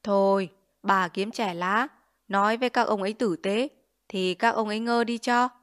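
A woman voicing a sly male village watchman who drops a slow, coaxing hint in a storybook reading. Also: mid-range voice, fairly even intonation, fairly bright tone, natural voice.

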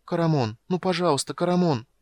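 A gentle young woman, pleading tenderly and insistently, as a male audiobook reader puts her on. The voice is lifted well above the reader's own and stays soft in manner. The sound is dry and close. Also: on the high side, brisk, no room sound, pitched above the performer's own voice, lightly acted.

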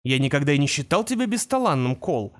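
A stern, fearful father, as a man voices him in an audiobook. He speaks gravely and insists on his warnings, a little lower than the narration. The pitch sits in a higher-than-average male range. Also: sing-song, fast. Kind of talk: audiobook character voice.

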